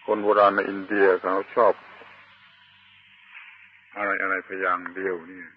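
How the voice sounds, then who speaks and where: A man preaching a Buddhist sermon, slow and deliberate, pausing often and stressing key words. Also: low-pitched, flat delivery, muffled recording, a little hiss or hum. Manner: slow and deliberate, with long pauses and emphatic chanted words. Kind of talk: Dharma sermon.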